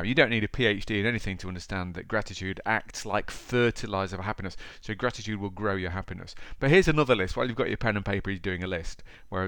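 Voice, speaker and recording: A man's voice: fairly low pitch, a bit bright, clean tone, no echo, studio quality. A man with an East Midlands English accent hosting a podcast, talking informally and directly to the listener in a chatty motivational style. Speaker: podcast host.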